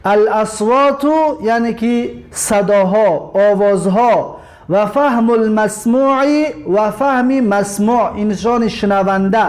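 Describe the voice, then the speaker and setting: A man with a Tajik accent teaching an Arabic lesson on video, opening with formal religious greetings and repeating words slowly to drill pronunciation. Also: high-pitched, darkish tone.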